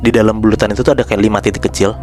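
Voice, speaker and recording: A man hosting a podcast, telling a horror story in a relaxed, chatty way and addressing his listeners by name. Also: fairly low pitch, rapid-fire, faint music behind. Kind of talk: casual spoken storytelling.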